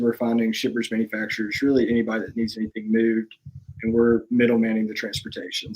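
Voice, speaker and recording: A young man from Alabama speaks as a podcast guest, laid-back and matter-of-fact. His voice stays flat, without much rise and fall, at a middle pitch. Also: poor audio. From Alabama, USA. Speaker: podcast guest, business owner. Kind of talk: casual interview chat.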